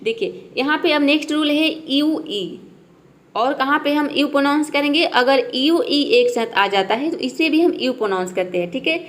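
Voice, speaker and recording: A woman's voice: high voice, lively intonation, moderate pace. A middle-aged woman teaching a basic lesson in a patient, repetitive way, often checking in with listeners. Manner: patient, repeats "theek hai" often. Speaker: English teacher. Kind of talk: classroom-style lesson.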